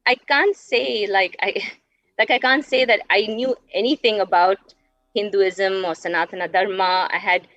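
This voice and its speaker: A woman in her thirties from Dubai appears as an interview guest, sharing her personal story in an earnest, reflective way. Her mid-range voice is slightly bright, with fairly even intonation and a moderate pace. The lo-fi stream audio is dull and dry, with no echo.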